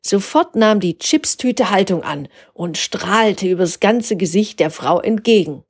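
A woman narrating a gentle story for her podcast, in a calm storytelling way. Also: medium pitch, unhurried, breathy edge.

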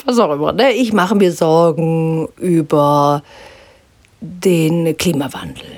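A woman teaching a guided spiritual lesson, calmly instructive and sometimes dropping to a soft whisper. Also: on the low side, no echo. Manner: calm, gently instructive, drops into soft whispers. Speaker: spiritual teacher guiding an exercise.

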